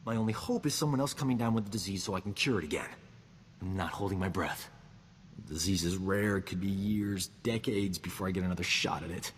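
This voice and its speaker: A cocky, self-important space doctor, played by a man who brags and wisecracks through every line. The voice sits a little low. A long reverb and faint hiss hang behind him, as in game dialogue. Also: a little fast, close to an everyday voice. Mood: indignant. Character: boastful roguish male doctor, vain and flippant. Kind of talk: video game character dialogue.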